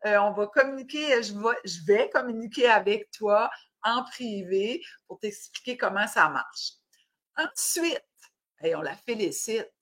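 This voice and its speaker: A woman from New Brunswick, Canada, with an Acadian French accent hosts a casual fitness live stream, upbeat and cheering as she slips English words into her talk. Her mid-range voice is fairly bright, with lively intonation and an unhurried pace.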